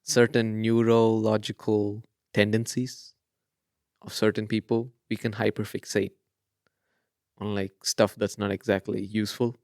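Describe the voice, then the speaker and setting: A young man co-hosts a podcast in easygoing chat. His voice sits a little low. He keeps asking questions and laughs easily, recorded dry on a close mic. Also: flat delivery, measured pace, darkish tone, no echo. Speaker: podcast co-host. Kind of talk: casual chat.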